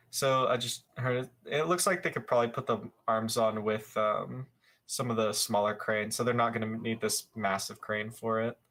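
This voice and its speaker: A young man hosting a live show, giving casual commentary over footage, rambling with many fillers and quick self-corrections. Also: medium pitch, fairly bright tone.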